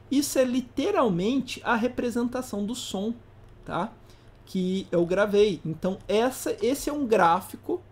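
Casual, chatty instructor, mid-pitched voice. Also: darkish tone. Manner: informal, asks the audience rhetorical questions; slangy, playful teaching asides. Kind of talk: casual live class explanation.

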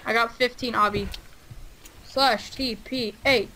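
A woman's voice: on the high side, fairly even intonation, slow, sharp tone, rough recording. A woman chatting casually with a friend while they play a game together on a headset. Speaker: gamer co-host. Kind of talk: casual gaming chat.

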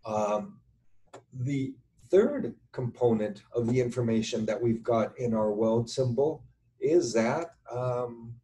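Over screen share from an indoor webcam setup, this structural engineering instructor, middle-aged with a mellow mid-range voice, explains technical material informally. His pace is slow and deliberate, halting as he thinks aloud while writing, with some typing heard; the recording is rough.

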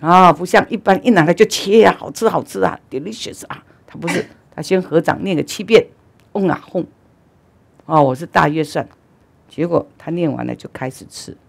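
A woman Buddhist teacher giving a dharma talk, telling stories animatedly, with loud urging and quiet asides. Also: lowish voice, a little fast, gravelly.

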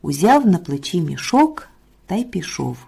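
A woman narrating a children's folk tale in a gentle, slow storybook manner. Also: on the low side, sing-song, vocal fry, slightly rough.

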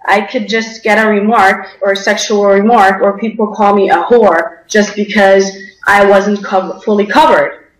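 A woman's voice: medium pitch, steady tone, unhurried. Young woman from denmark on a video call, lots of ums, echoey room sound. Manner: hesitant, many fillers. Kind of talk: interview answers.

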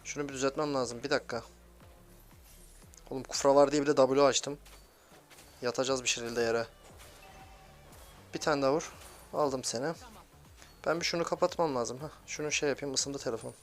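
A young man giving excitable, grumbling commentary while playing a mobile game, swearing at teammates. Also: medium pitch, normal speed, pauses often, faint music behind. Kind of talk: live gameplay commentary.

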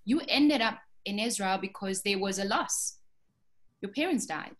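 A woman radio and TV presenter hosting an online interview, chatty and enthusiastic, speeding up when excited. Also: mid-range voice, a little slow.

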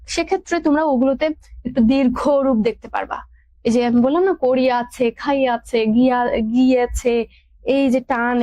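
Young female teacher, higher voice, dry close sound, patient and repetitive, online class. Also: a little mellow, dry recording. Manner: explains patiently with many fillers and repeated examples.

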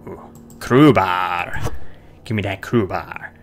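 This let's player has a deep voice and speaks slowly, offering casual, playful commentary as he works through a horror game. He is chatty, hums nonsense sounds, mutters, and reads notes off the screen while game music plays over a noisy background.

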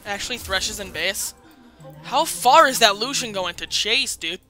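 A young woman streaming a video game, chatting casually with a teammate, loud, swearing freely and hyping up her own plays. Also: mid-range voice, lively intonation, normal speed, soft background music. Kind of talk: casual gaming chat with a teammate.

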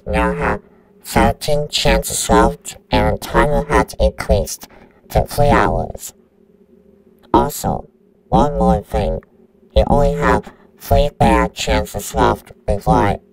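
A man's voice: mid-range voice, vocal fry, low-quality recording. A synthetic male voice playing a menacing computer virus that announces countdowns in a robotic tone.

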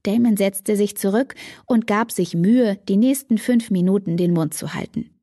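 A woman narrating a fantasy audiobook in the first person, with an even storytelling delivery. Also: mid-range voice, normal speed, dry recording, studio quality.

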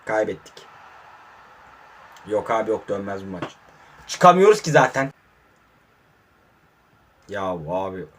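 Husky frustrated man commentating gameplay. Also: on the low side, takes it slowly, pauses often. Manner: frustrated muttering with sudden excited outbursts. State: hot and sweating. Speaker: mobile football gamer. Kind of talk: casual live gameplay commentary. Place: warm room indoors.

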